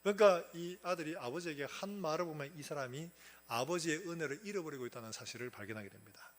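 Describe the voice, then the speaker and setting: A male pastor delivers a sermon emphatically. He keeps throwing rhetorical questions at the congregation, and his speaking voice sits a little higher than most men's. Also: fast talker.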